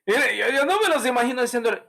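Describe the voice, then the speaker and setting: Man, pastor, sermon, swooping animated pitch, acts out voices. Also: fast, gravelly. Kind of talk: Bible study sermon.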